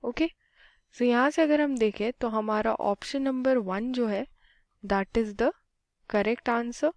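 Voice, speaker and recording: A woman, slowly working through a physics problem step by step in a mix of Hindi and English. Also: fairly high pitch, a little mellow, no room sound. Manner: unhurried, mixes Hindi and English, talks through each step aloud. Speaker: physics tutor. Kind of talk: slow step-by-step problem solving.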